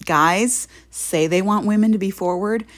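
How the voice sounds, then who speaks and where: A woman in relaxed podcast chat tells her stories bluntly and crudely, with lots of laughter. Her voice sits at a middle pitch for a woman. She keeps an easygoing conversational flow. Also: unhurried. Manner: frank, crude storyteller who laughs often. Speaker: podcast co-host. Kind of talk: casual chat.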